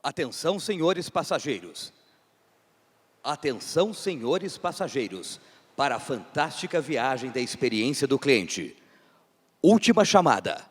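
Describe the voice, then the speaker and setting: A man making a formal, measured boarding-call announcement over a public-address loudspeaker. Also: a little high, husky. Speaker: keynote speaker. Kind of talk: mock airline boarding call. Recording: long echo of a large hall.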